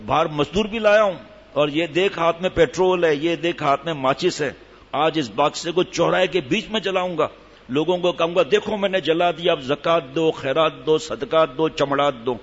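A furious, broke husband, put on by a male storyteller, rants in a raised, loud voice and hammers the same complaints over and over. The sound rings through a large hall with a lingering echo. The recording is slightly dull and muffled. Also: on the high side, natural voice. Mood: threatening. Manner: loud, ranting, repetitive. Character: angry, broke middle-aged husband shouting complaints.

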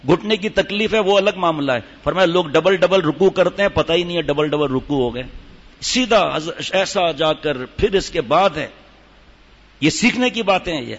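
A man's voice: a little high, animated, slightly rough. An older man giving a sermon to a gathering, telling stories and demonstrating recitation. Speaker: religious teacher. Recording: dull hall reverb.

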